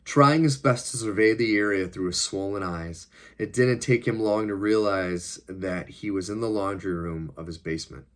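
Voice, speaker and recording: A man's voice: on the low side, moderate pace, a bit bright. A man reading his own novel aloud, narrating plainly with the odd casual aside. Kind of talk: audiobook-style reading.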